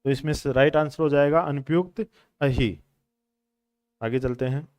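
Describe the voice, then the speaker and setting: A man's voice: medium pitch, steady tone, normal speed, a little mellow, dry recording, studio quality. A man teaching a coaching class on questions. He explains each answer patiently, repeats the answers and calls his students brothers and friends. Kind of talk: classroom lecture on Hindi exam questions.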